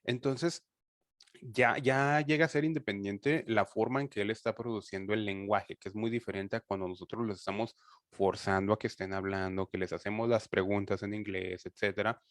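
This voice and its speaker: A man with a fairly low voice teaches over a video call, talking in a loose conversational way full of fillers and restarts. The sound is dry and close, with no room around it. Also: fairly even intonation, moderate pace, no echo. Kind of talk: online class explanation.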